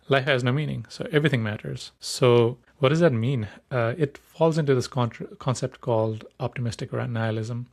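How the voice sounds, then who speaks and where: A man's voice: medium pitch, gravelly. A young man from Nepal hosting a solo podcast, upbeat and enthusiastic, often restarting words mid-sentence. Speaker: podcast host.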